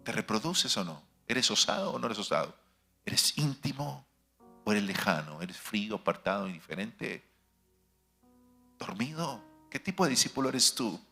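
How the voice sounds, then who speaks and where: A man preaching a sermon as pastor. He fires rhetorical questions at the congregation and swings between loud declarations and hushed asides. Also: lowish voice, big pitch swings, moderate pace, creaky, soft background music. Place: church sanctuary.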